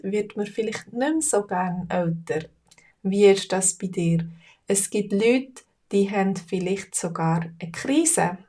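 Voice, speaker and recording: Slow-speaking Swiss woman teacher. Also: mid-range voice, a little mellow. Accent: Swiss German. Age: 40s. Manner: slow, clear, repeats phrases for learners. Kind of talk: slow live-stream lesson talk.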